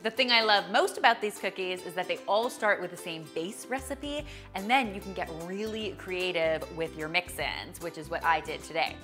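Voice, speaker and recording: Woman, 30s, bubbly cooking host, bright tone, slightly low pitch, faint music behind. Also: moderate pace, hardly any pauses. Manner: bubbly and chatty, addresses viewers directly. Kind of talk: upbeat recipe demonstration. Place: bright home kitchen studio.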